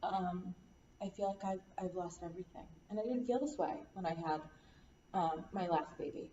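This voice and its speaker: A woman playing a counseling client, talking in a halting, weary, despondent way and repeating herself. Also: lowish voice, dark tone. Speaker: role-play client in a counseling practice session. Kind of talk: acted counseling role-play. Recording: echoey room, distant dull mic, faint hiss.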